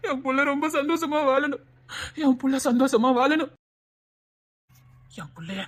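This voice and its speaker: A woman with a Tirunelveli Tamil accent, voicing an elderly father in an animated story who grieves over his daughter and keeps repeating his worries. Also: high voice. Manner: sorrowful, repeating himself.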